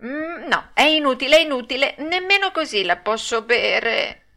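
Woman voicing a wooden puppet boy, stubborn, whiny, shrill, high and sharp, swooping pitch, audiobook. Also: expressive, moderate pace, vocal fry, full character voice. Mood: whining. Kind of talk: audiobook read-aloud.

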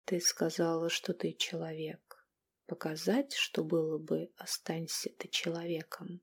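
Woman voicing a calm, aloof captive god. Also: low-pitched, measured pace, breathy edge, exaggerated voice. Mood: threatening. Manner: quiet, calm, condescending. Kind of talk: audiobook character voice.

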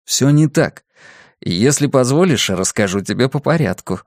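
A calm, patient young man in his twenties, voice lively but unhurried as he explains himself, in a male reader's own voice. Close, dry audiobook sound, no room around it. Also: mid-range voice, no room sound, lightly acted. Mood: explaining. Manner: calm, even-tempered, patient. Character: calm young adult son, student. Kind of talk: audiobook character voice.

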